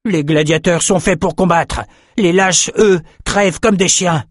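Guy doing a scarred gladiator, short cold lines, pitched up and forceful. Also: fairly even intonation, measured pace, dry recording, studio quality. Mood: icy. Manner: curt, icy.

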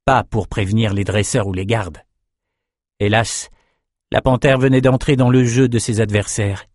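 A man narrating a fantasy audiobook in a steady, measured way. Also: lowish voice, no echo, studio quality.

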